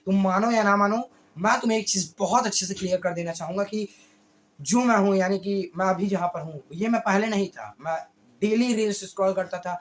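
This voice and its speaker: Hoarse young-sounding man, slow motivational talk. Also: high voice. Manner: talks slowly on purpose, with frequent slips and self-corrections. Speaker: YouTube creator. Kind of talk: casual motivational monologue.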